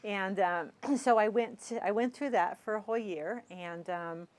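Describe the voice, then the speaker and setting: A woman guest on a TV interview, telling her own story hesitantly, with many fillers and throat clearing. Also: mid-range voice, normal speed, darkish tone.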